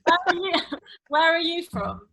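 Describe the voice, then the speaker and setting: A woman's voice: extremely high pitch, expressive, unhurried, vocal fry, a bit bright, low-quality recording. A young woman guesting on a casual podcast, chatty, laughing often and swearing casually. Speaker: podcast guest, TV and radio presenter. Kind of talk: casual chat.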